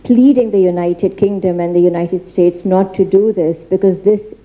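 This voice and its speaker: Earnest woman speaking with dark tone. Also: on the low side, fairly even intonation, low-quality recording. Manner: earnest, halting with frequent fillers and restarts. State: becoming emotional. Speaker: seminar speaker. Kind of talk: formal seminar talk with slides. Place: institute library.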